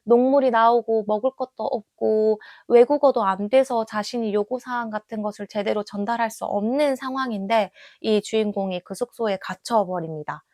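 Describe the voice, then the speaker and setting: A woman's voice: on the high side, no echo, clean studio sound. A woman reviewing books in a casual chat, retelling a story dramatically and posing rhetorical questions to the listener. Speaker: book reviewer.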